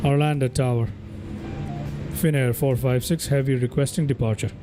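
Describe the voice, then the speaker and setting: A man's voice: medium pitch, steady tone, moderate pace, music in the background. A man acting as an airline pilot in a flight simulator, reading back radio calls to the tower in clipped pilot phraseology on a headset mic. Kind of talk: pilot radio calls to air traffic control.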